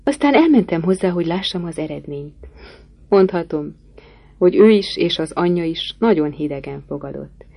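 A passionate, brooding gentleman pleads his love in a low, husky voice, as a woman reader puts him on. The tone is dark and mellow, storybook-style, urgent and ardent throughout. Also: lively intonation, no room sound. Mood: pleading.

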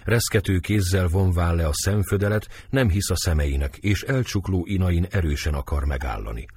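A man reading a stage play aloud, giving the stage directions in a subdued, measured way. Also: low voice, darkish tone, breathy edge, no room sound. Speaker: reader.

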